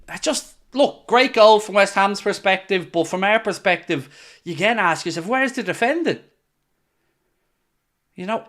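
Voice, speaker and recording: A man with a high, slightly bright voice hosts a live football watchalong. Giving live match commentary, he rants with exasperated sarcasm about how his team is playing.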